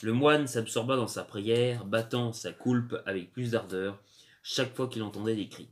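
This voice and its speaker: A man reading a novel aloud in a measured, expressive storytelling manner. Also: on the low side. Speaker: audiobook reader.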